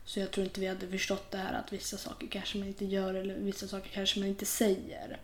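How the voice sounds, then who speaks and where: Young woman, podcast guest, lively storytelling, echoey room. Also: mid-range voice, a little hiss or hum. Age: young adult. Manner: animated, quotes people in lively voices. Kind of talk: casual conversation. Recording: roomy echo.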